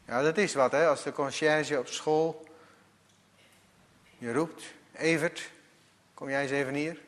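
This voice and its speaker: Pastor preaching slow, high voice that jumps all over, big church echo. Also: male voice, steady tone. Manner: emphatic, repeats words, swings between loud calls and quiet asides. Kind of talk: sermon. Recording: church hall reverb.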